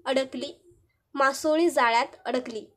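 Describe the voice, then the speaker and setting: A woman's voice: sits high, measured pace, slight background noise. A woman voicing a sly male villain from a TV serial, who taunts his victim in a mocking sing-song.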